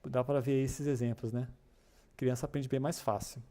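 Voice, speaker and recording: Chatty man with a mellow voice. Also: mid-range voice, little pitch movement, normal speed. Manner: chatty, encouraging, many filler tags and restarts. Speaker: English class host for a developer community. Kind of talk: casual live-stream lesson reading chat comments.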